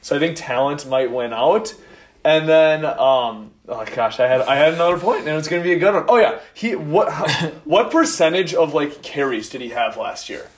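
A man co-hosting a casual fantasy football podcast, building his points slowly with many hesitations. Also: fairly high pitch, lively intonation. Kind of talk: casual chat.

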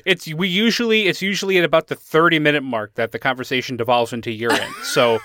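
A man's voice: fairly high pitch, steady tone, fast talker, pushed and bright, no echo, clean studio sound. A man hosting a podcast, chatting casually and enthusiastically with his guest. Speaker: podcast host. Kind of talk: casual chat.

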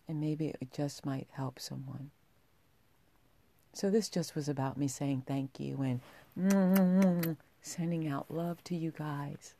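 A woman's voice: sits low, creaky, dark tone. A woman with a sultry voice hosting a podcast, speaking intimately and directly to her listeners. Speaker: podcast host.

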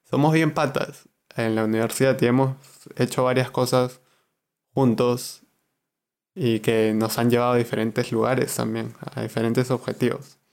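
A man's voice: medium pitch, steady tone, normal speed, vocal fry, a little mellow. A man in his twenties with a Peruvian Spanish accent, hosting a podcast in casual, chatty talk and laughing easily. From Peru. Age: 20s. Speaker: podcast host.

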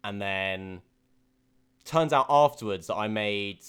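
A man's voice: lowish voice, slow pace, fairly bright tone, clear, resonant tone. A young man co-hosting a podcast, telling his race stories candidly with lots of fillers and restarts. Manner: candid storytelling, many fillers. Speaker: podcast co-host. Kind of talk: casual podcast chat.

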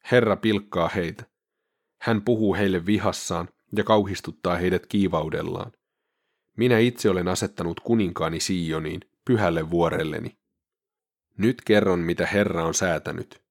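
A man reading scripture aloud in a measured, solemn way. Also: deep voice, no echo, clean studio sound. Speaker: scripture reader.

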